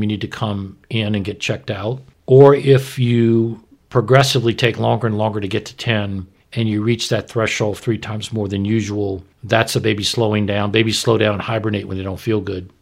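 A man with a fairly low voice and some vocal fry speaks as an obstetrician appearing as an expert guest. He explains medical practice in an informal, plain-spoken, instructive way.

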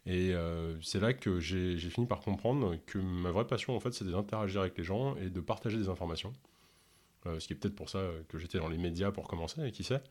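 A man from Ontario who speaks French with no accent, answering interview questions in a halting way with many fillers. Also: sits low, a little mellow. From Canada, Ontario. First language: English. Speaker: podcast host and health coach.

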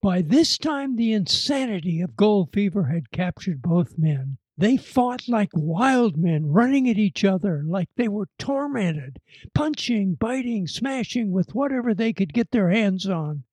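A man telling a frontier tale aloud in a dramatic, lively storytelling manner. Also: high voice, a little slow, husky, dry recording. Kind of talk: told tall tale.

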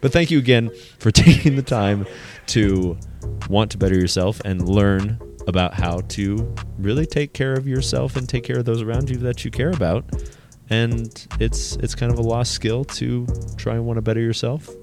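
A man's voice: mid-range voice, flat delivery, moderate pace, over music. A man co-hosting a personal finance podcast, chatting casually with jokes and rambling restarts. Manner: joking, self-deprecating, rambling with restarts. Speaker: podcast co-host. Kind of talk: casual chat.

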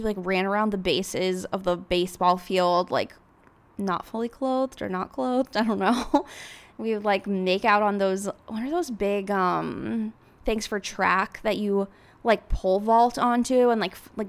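A woman in her twenties telling personal stories in a casual confessional vlog, chatty and rambling, with lots of filler words. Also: mid-range voice. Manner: chatty, heavy use of "like", rambling. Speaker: vlogger.

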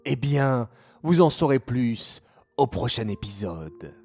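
Slow gravelly man telling a children's story. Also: mid-range voice, big pitch swings, darkish tone, faint music behind. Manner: slow, addresses children directly.

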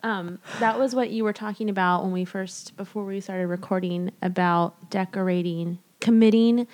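A woman's voice: mid-range voice, steady tone, moderate pace, a little mellow. Young woman, casual podcast co-host, playful and laughing often. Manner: playful, laughs often, jokey put-on voices. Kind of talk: casual chat.

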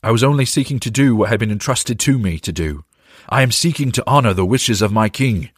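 A man's voice: medium pitch, expressive, fairly quick, breathy edge, no room sound. A man voicing a steadfast, loyal knight who speaks earnestly and pleadingly.

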